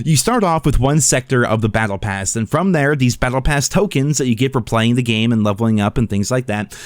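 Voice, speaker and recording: A man's voice: medium pitch, no echo. A man giving casual game review commentary as a video host, blunt and sweary, with a sarcastic, scathing critical edge.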